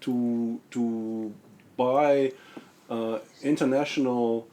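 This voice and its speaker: A man's voice: mid-range voice, fairly even intonation, drawn-out words, warm tone, slight background noise. A man on a conference panel telling technical anecdotes in a rambling way, restarting and repeating words often.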